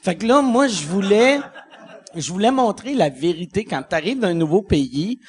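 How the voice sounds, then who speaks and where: Casting: husky, higher-pitched man, Quebec French accent, forties, podcast host, quick profane storytelling. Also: animated. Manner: rapid, profane storytelling with frequent laughs. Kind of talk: casual chat before a live audience.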